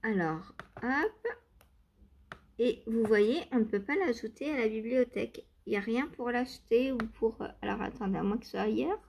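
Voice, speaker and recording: Chatty woman, higher voice. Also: moderate pace, creaky, a little mellow, husky. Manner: chatty, laughs often, many fillers. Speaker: knitting vlogger. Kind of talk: casual knitting vlog chat. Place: outdoors or by open door, cool weather.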